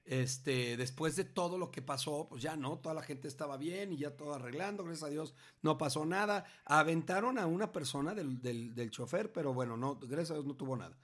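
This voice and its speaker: A middle-aged man with a Mexican Spanish accent casually telling his grown child a story in a slangy, animated way, often restarting his sentences. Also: a little high, fairly quick, hardly any pauses.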